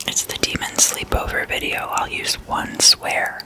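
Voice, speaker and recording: Telling stories in a breathy, unvoiced whisper right up against the mic, this ASMR host keeps a measured pace and gently repeats words along the way.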